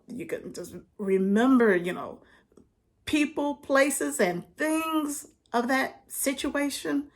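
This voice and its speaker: A woman in her fifties chatting casually to her viewers, laughing often as she talks. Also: mid-range voice. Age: 50s. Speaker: vlogger. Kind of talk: casual chat to camera.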